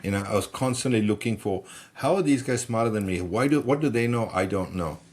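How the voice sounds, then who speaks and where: A middle-aged man from Malaysia, a personal development coach being interviewed, telling stories in an animated way and often restarting words as he gets excited. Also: on the low side, a little fast. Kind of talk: conversational storytelling.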